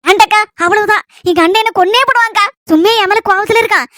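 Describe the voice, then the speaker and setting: A woman with a Kanyakumari Tamil accent, talking fast in a very high voice with a lamenting, complaining tone. Her sound is bright and tense. The recording is close and dry. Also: no room sound. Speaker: comedy sketch performer. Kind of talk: one-person village comedy skit.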